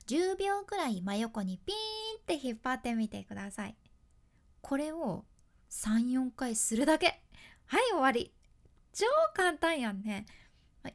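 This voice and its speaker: Kyushu-accented woman host, high and very animated voice, shifts from crisp announcer tone to chatty dialect. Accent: Kyushu Japanese. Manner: mixes polished announcer delivery with chatty dialect asides. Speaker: podcast host, freelance announcer. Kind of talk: casual podcast talk with tips.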